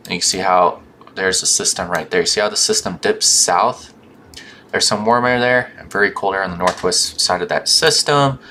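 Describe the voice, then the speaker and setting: A man's voice: sits low, fairly even intonation, a little fast, bright, forceful tone, slight background noise. A man giving an informal weather forecast commentary, tripping over words, his speech hampered by a swollen mouth and gums. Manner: stumbles on longer words and restarts them.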